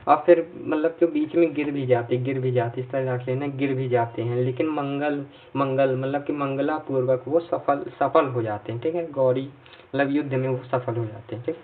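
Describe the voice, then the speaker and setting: A male teacher giving a classroom lesson full of memory tricks. He talks in a mid-pitched voice and repeats key words, checking in after each point. He sounds thin and phone-like, picked up from a distance away from the mic. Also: steady tone, moderate pace. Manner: repetitive, checks in often with "ठीक है". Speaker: exam-prep teacher.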